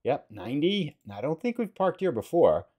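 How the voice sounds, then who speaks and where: In this relaxed gameplay commentary, the let's play host chats and thinks aloud as he drives along in the game. He has a slightly high, husky voice and keeps a moderate pace.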